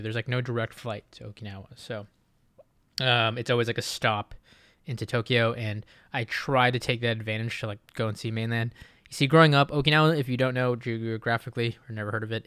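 A man's voice: medium pitch, fairly bright tone, clear, resonant tone, dry recording. A man in his late twenties from Japan, hosting a casual solo podcast and rambling with lots of fillers and restarts. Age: late 20s. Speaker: podcast host.

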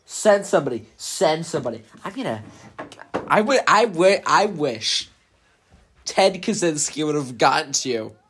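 Lively husky-voiced young man joking. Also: fairly high pitch. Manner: animated, joking, quick to taunt. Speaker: gamer in voice chat. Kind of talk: casual gaming chat.

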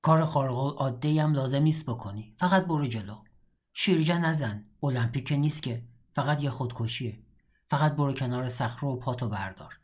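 A husky, grainy-voiced middle-aged prisoner, read by a man in an audiobook, talking in a blunt, mocking, matter-of-fact way. He sounds cynical and scarred, and lays out grim advice flatly, without softening it. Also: medium pitch, lightly acted. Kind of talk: audiobook dialogue reading.

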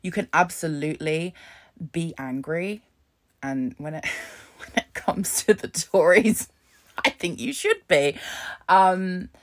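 A woman's voice: lowish voice, animated, takes it slowly. A woman hosting a casual solo podcast, talking frankly and swearing a lot as she rambles. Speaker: podcast host.

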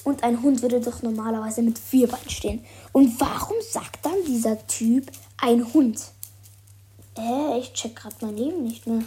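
A woman's voice: a little high, measured pace, warm tone. A woman reading a children's book aloud and commenting on it in a chatty, hesitant way. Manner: hesitant, many fillers, amused asides.

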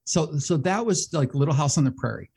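Chatty middle-aged man, mellow voice. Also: on the high side, brisk, creaky, husky. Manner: animated, self-deprecating, laughs often, restarts. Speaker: radio show host and behavioral health manager, guest. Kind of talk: casual interview chat.

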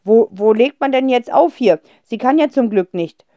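A woman's voice: a little high, expressive, normal speed, warm tone, no room sound, clean studio sound, voice pushed up, lightly acted. A woman voicing a flustered, hesitant middle-aged father who stammers in a children's audiobook.

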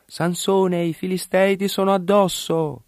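Male reader voicing a scheming temptress, pitched way up and crying out loud. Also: very animated, normal speed, dry recording, studio quality. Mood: alarmed crying. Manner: cries out in a high, raised voice.

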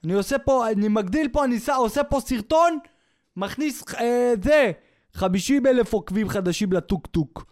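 A man voicing a forty-year-old father obsessed with streaming, who shouts bossy orders at his wife. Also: very high voice, lively intonation. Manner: bossy, shouting, self-absorbed. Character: forty-year-old dad hooked on TikTok lives.

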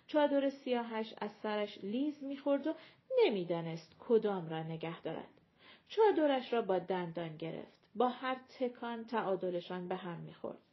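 A woman narrating a short story in a calm, even reading voice. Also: fairly high pitch, lo-fi sound. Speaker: audiobook narrator.

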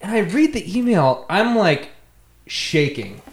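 Animated laughing man, roomy echo. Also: fairly high pitch, a little fast, slight background noise. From United States. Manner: animated, swearing, laughing at himself, acts out his own quotes. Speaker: podcast host telling a story. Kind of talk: casual storytelling among friends.

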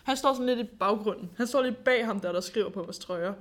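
En ung kvinde, der fortæller livligt i en afslappet podcastsnak og ofte griner. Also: female voice, on the high side. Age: young adult. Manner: lively storyteller, laughs often. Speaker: podcast co-host. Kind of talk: casual chat.

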